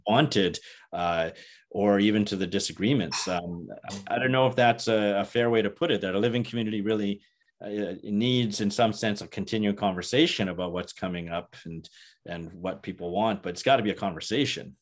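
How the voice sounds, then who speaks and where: A man moderating an academic interview, speaking in a halting way with frequent restarts and "uh"s. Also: lowish voice.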